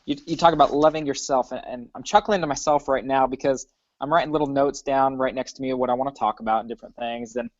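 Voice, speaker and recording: A man who works as a teacher, a guest on a casual livestream, talking in a friendly, slightly halting way. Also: mid-range voice, steady tone, no room sound. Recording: dry, dull lo-fi audio.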